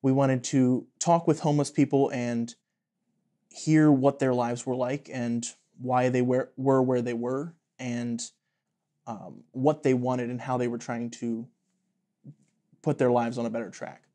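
A young man with a mid-pitched voice explains things earnestly, with the odd filler. He is a student guest in an interview, recorded in a bright office room. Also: flat delivery, unhurried. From Pennsylvania. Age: 20s.

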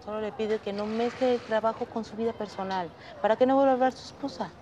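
An actress playing a polite but firm school principal, speaking formally. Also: female voice, a little high, fast talker, mellow, a little hiss or hum, close to an everyday voice.

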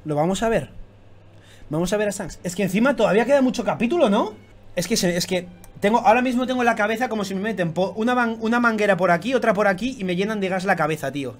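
A man doing excited reaction commentary, swearing constantly and bursting into shouts. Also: high-pitched, fast talker. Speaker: YouTube manga reactor.

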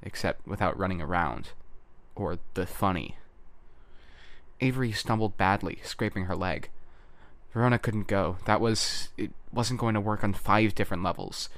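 A man narrating an audiobook chapter in a measured, even storytelling manner. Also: on the low side, dry recording. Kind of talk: scripted narration.

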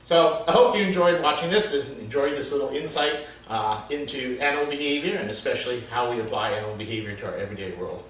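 Recorded on a covered porch against a wooden wall, this explanatory video lesson features a middle-aged animal behaviorist from the Florida Keys. His mid-range, slightly bright voice explains things steadily, frequently filled with "uh," while the very reverberant space, a bit of background noise, and his distance from the microphone make him sound slightly far off.

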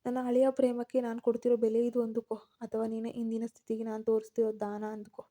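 A woman's voice: a little high, monotone, quick pace, mellow, lightly acted. A woman voicing a bitter, vengeful young man who taunts and sneers at his old college love. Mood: mocking.

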